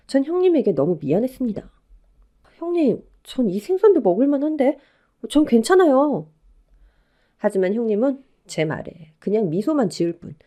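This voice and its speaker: A young bride telling her own story, read by a woman for a radio drama. Her speech is polite and deferential. Her pitch moves in a lively way. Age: young adult. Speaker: narrator and new daughter-in-law.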